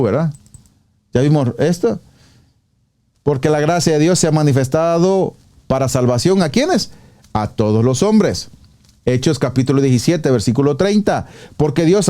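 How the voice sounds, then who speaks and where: A male pastor with a fairly high but mellow, relaxed voice teaches from scripture, reading one verse after another and pressing each point with rhetorical questions. He speaks in a steady, instructive tone. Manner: reads verses aloud and rebuts, asks rhetorical questions. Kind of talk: teaching sermon.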